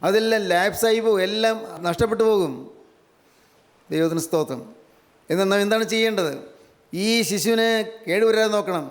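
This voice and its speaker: A man preaching a sermon, emphatic and repetitive, sinking into hushed fervent prayer. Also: sits high, normal speed, pauses often. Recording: long hall reverb.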